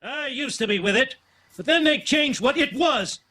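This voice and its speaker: High, bright-toned, bewildered old cartoon man who rambles slowly. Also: animated, full character voice.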